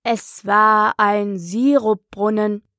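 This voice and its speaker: Storybook: hoarse, weak old dormouse, very slow and drowsy, touchy, read by a woman. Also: medium pitch, level tone, a bit bright, dry recording, clean studio sound. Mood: drowsy grumbling. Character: sleepy old male dormouse, grumpy.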